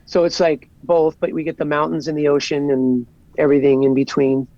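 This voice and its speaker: A man's voice: on the high side, level tone, brisk, mellow, dry recording, highs cut off. Easygoing man from Southern California. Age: 40s. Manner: easygoing, rambling with lots of "like". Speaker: guest. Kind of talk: casual podcast chat.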